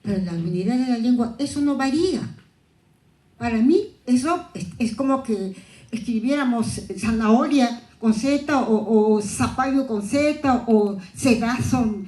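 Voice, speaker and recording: A woman's voice: a little high, mellow, reverberant, rough recording. A woman from southern Ayacucho in Peru, a native Quechua speaker, giving a reflective, anecdotal conference talk. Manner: reflective, anecdotal, with frequent restarts. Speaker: panelist.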